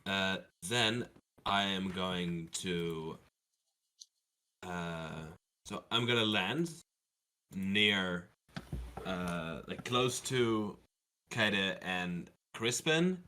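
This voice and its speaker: Give me a man with a low, bright voice, calmly taking his turn at the table. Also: slow, a little hiss or hum. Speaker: player. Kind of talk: casual tabletop game chat.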